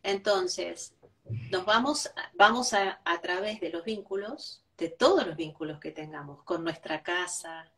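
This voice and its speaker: A woman's voice: lowish voice, measured pace, a bit bright, recorded from a distance. A woman, a guest giving reflective spiritual talk, who tags each point with a questioning "right?". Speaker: interview guest.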